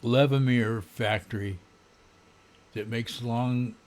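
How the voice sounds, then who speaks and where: An older American man in his seventies giving an unscripted, sardonic, grumbling rant in a halting way, often clearing his throat. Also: medium pitch, steady tone. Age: older, around 70s. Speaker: political vlogger. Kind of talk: unscripted political rant to camera. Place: small home room, indoors. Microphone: desk condenser microphone.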